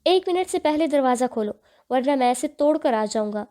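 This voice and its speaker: Woman reader doing a threatening young man from a storybook, loud and harsh, dark timbre. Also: high-pitched, animated. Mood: roaring. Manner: roaring, threatening. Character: brutal, domineering young man, the fiancé.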